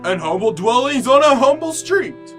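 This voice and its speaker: An actor playing a jolly giant ghost in an old-time radio drama, grand, solemn and declamatory. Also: male voice, very high voice, sing-song, normal speed, a bit bright, soft background music, exaggerated voice.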